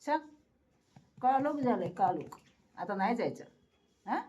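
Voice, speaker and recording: A woman's voice: medium pitch, big pitch swings, a little slow, warm tone, lo-fi sound. A woman, chatting to viewers and coaxing her cat at home, laughing often. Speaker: pet vlogger. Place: home, at a door to the terrace.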